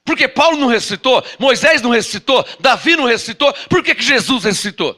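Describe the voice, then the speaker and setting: Speaking with a Brazilian Portuguese accent, a man preaches as an apostle in an extremely high pitch and at a quick pace. He's animated, full of rhetorical questions, and acts out the doubters.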